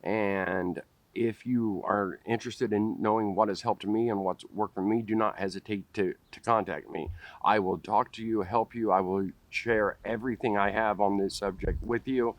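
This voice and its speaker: With a steady tone and moderate pace, a man in his forties speaks on the low side as he vlogs straight to camera in a park. There's no room sound, and the camera is close up at face level. He stutters, repeating first sounds and beginning words again.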